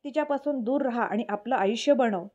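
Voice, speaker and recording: A spiteful mother with a sneering, contemptuous way of speaking, read by a woman narrator. Her voice is mellow and pitched a little high. The recording sounds dull and lo-fi. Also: a little fast, close to an everyday voice. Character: scornful, spiteful older mother.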